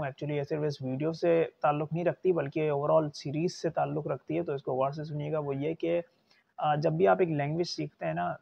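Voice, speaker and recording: A young man gives a relaxed pronunciation lesson, saying each word slowly and more than once. His voice sits a bit high and has a gravelly, creaky edge. The recording sounds dull and lo-fi. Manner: patient, repeats words slowly, chatty asides. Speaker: English pronunciation teacher. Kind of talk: casual spoken lecture.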